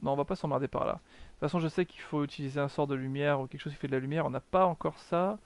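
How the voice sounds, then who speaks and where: A man's voice: fairly high pitch, fast. A man giving chatty live commentary while streaming a video game, mocking himself, swearing often and answering his chat.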